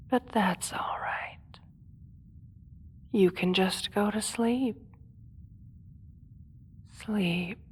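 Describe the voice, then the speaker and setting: A woman playing a seductive, manipulative supervillain in a hypnosis audio role-play, speaking softly with slow theatrical menace, often slipping into a whisper. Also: fairly low pitch, a little hiss or hum. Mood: coaxing, hushed. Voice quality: soft, often dropping to a whisper.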